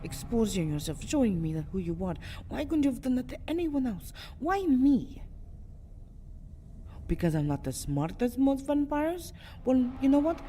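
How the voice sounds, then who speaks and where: In an ASMR roleplay monologue, a woman acts as an anguished, two-hundred-year-old vampire girl who is proud, fiercely protective, and distraught, sounding mellow and breathy. Her voice is a little high and sing-song at normal speed, with a faint hiss or hum, and her mood is accusing and indignant. The melodramatic performance keeps dropping into breathy whispers and swelling into agitated outbursts.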